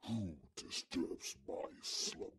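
A man voicing a vast ancient talking cave with a stern, rumbling, raspy voice, speaking slowly and commandingly. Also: a bit bright. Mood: ominous. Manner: slow, commanding, ominous.

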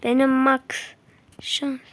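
A woman with a high voice talks through a game she is playing, in no hurry between bursts. She yelps at threats, shoos enemies away with slangy jabs and drops to muttering to herself. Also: monotone, slow, a bit bright, slight background noise. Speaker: gameplay streamer. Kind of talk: live gameplay commentary.

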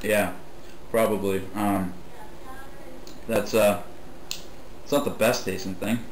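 A man's voice: lowish voice, slow. A man co-hosting a food taste test, chatting casually in a laid-back, dry way with his mouth full. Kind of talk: casual chat. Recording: echoey room with steady noise.

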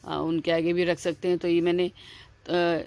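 Her delivery is flat and her pitch fairly low, with a darkish tone and normal speed. She's a cooking channel host explaining a home recipe step by step, chatting casually, repeating points, and restarting often amid many "aa" fillers.

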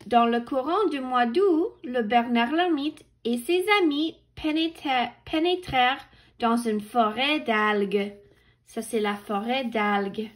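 Woman reading a picture book to children: slow, patient, slightly high, stops to explain the pictures and count along. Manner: corrects her own misreadings. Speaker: children's story reader.

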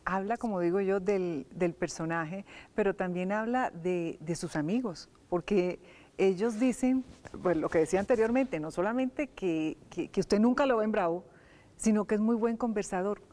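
A woman interviewer who asks measured questions and prompts her guest with short words of agreement. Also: medium pitch, dark tone.

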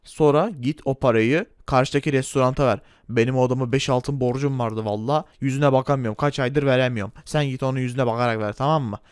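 A man voicing a grumpy, bossy middle-aged male grocer in a game role-play, gruff and scolding. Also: medium pitch, steady tone, fast, few pauses, dry recording, clean studio sound, pitched below the performer's own voice, natural voice. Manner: gruff, scolding, barks orders.

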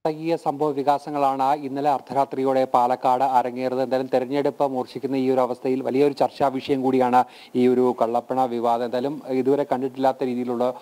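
A man reporting live for the news and putting questions to an interviewee. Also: medium pitch. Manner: rapid flat questioning. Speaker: field reporter.

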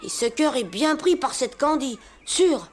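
A woman's voice: sits high, a little slow, faint music behind. A woman voicing a plucky, cheeky young boy stowaway in a storybook record. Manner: cheeky, lively.

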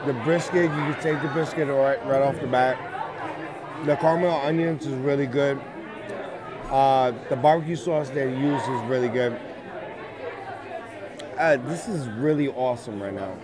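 Speaking at a normal speed with long pauses, a man with a mid-range voice reviews a burger for his casual food vlog. He's in his thirties, chatty and prone to exclaiming and laughing, recording on a phone held close with an earbud mic. The setting is a busy, crowded indoor bar and restaurant, noisy with loud music and chatter.

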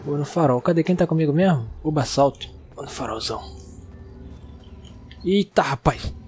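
A young man with a Brazilian Portuguese accent, excitedly narrating a video game and talking to its characters. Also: a little high, normal speed, faint music behind. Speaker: gaming YouTuber. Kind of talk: let's-play commentary.

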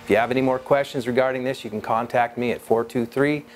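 Male engine builder, mid-pitched, measured shop-tutorial delivery, faint music underneath. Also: steady tone. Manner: plain, measured technical explanation. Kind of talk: shop how-to demonstration.

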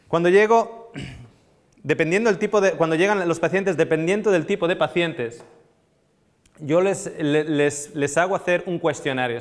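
A man in his thirties giving a live nutrition seminar to a seated audience, animated and often asking the room questions, on a lapel mic. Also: a little high, long reverb tail. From Spain. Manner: animated, asks the audience questions, gestures a lot. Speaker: nutrition lecturer.

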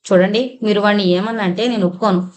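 A woman reading a storybook voices a protective young stepmother who speaks firmly to her husband and gently to a frightened boy. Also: mid-range voice, steady tone, fast, close to an everyday voice. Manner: firm and sharp with the husband, soft and coaxing with the child.

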